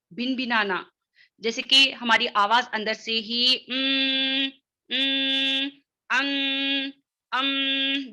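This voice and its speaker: A woman teaching a recitation class. She repeats terms slowly, spells letters out one at a time, and keeps checking that students follow. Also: fairly high pitch, pushed and bright. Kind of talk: online class lesson.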